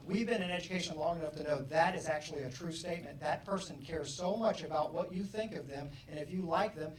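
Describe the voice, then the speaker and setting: Middle-aged man, motivational speaker, animated, slightly high voice, roomy hall, distant mic. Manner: animated, acts out dialogue, loud bursts. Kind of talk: keynote talk to an audience.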